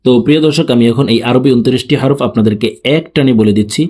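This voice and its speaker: A man teaching letter pronunciation, explaining each sound slowly and then chanting it with long drawn-out vowels. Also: medium pitch, mellow, slightly rough. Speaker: Quran reading teacher.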